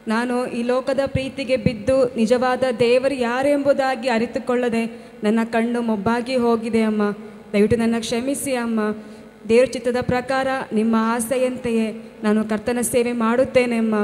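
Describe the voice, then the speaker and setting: A woman's voice: fairly high pitch, darkish tone, close to an everyday voice. A woman playing a wayward young daughter in a church stage skit, whining and pleading with her mother. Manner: whiny pleading, repeatedly calling out to her mother. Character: wayward young daughter who turns repentant. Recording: echoey hall, stage mic.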